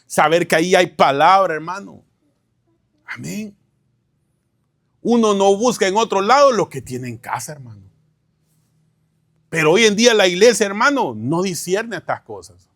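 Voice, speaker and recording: Pastor guy preaching in church, bit high voice, keeps going "hermano?" at the crowd. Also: very animated, normal speed, long pauses, fairly bright tone, dry recording, clean studio sound. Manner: peppers lines with "hermano" and rhetorical questions. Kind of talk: teaching sermon.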